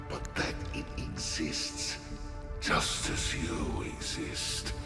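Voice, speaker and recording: An actor playing a grim, fatalistic game villain obsessed with destruction, speaking with slow, theatrical menace in a gravelly voice. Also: male voice, very deep voice, heavily acted. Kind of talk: dramatic video game voice acting. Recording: roomy echo under game music.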